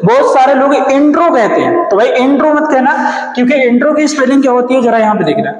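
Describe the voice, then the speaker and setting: A man teaches grammar in a very high, light voice. He keeps asking questions and answering them himself. The sound has a long, hall-like reverb. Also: expressive, quick pace. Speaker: English teacher. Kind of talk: classroom grammar lesson. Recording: roomy echo with long reverb.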